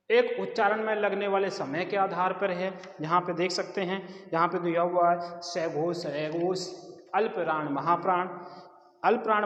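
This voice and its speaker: A man's voice: sits high, a bit bright. Man teaching a lesson in an echoey hall. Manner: explains patiently, repeats terms, says "देखिए" often. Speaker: Hindi grammar teacher. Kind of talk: classroom lesson. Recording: echoey hall, dull lo-fi sound.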